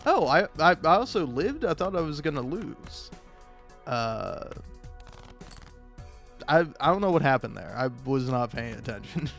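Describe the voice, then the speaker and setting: A streamer high on drugs drifts through casual gameplay commentary with faint music behind him, swearing freely, poking fun at himself and chuckling often. His slightly high, somewhat bright voice is very animated but unhurried, with vocal fry and frequent pauses.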